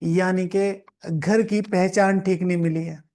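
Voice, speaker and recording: A man's voice: high-pitched, steady tone, slow pace, a little mellow. A man who is a spiritual teacher, explaining a scripture reading. He repeats key phrases for emphasis, drops English words into his talk and guides listeners in reflection. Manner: mixes English words into Hindi; reflective, guiding listeners through meditation.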